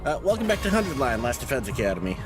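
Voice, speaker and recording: Lively man doing casual gameplay commentary. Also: medium pitch, fast, over music. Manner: sweary, wry asides. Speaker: let's play host. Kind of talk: casual gameplay commentary, reading game text.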